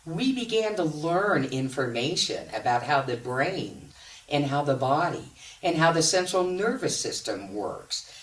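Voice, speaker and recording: Slow, calm woman presenter. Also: low voice, husky. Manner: slow, deliberate, with long pauses. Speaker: guided imagery presenter.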